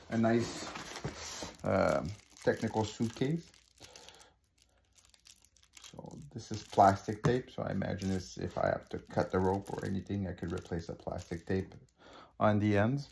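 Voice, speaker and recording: There's a little hiss or hum under this man's low, creaky, darkish voice, which stays fairly even, runs a little slow, and pauses often. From Quebec and a native French speaker with a Québécois accent, he's a hobby vlogger casually unboxing something on camera via phone over a living-room table, with many fillers and restarts.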